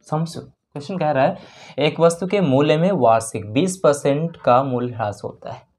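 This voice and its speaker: A man teaches a spoken maths lesson for exam preparation, using a medium-pitched, darkish voice. He goes through questions one step at a time, asks questions only to answer them himself, repeats important steps, and mixes in English terms.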